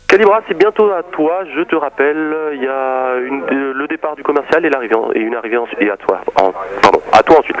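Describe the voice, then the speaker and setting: A man's voice: medium pitch, lively intonation, quick pace, dull audio, a crowd in the background. A man giving informal, conversational air traffic control instructions over the radio. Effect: radio transmission.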